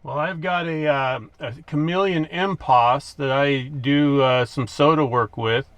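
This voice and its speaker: A man's voice: medium pitch, a little slow, fairly bright tone, dry recording, muffled recording. A man chatting casually as a mobile ham radio operator and video maker, with easygoing, informal radio phrasing. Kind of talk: casual radio chat and demonstration. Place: mobile radio setup in a parked vehicle. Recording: faint vehicle and radio noise.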